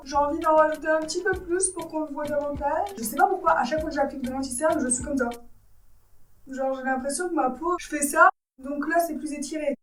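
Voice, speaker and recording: A woman doing a casual makeup tutorial, animated and jokey, quick to act exasperated. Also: sits high, echoey room, distant mic. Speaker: beauty YouTuber.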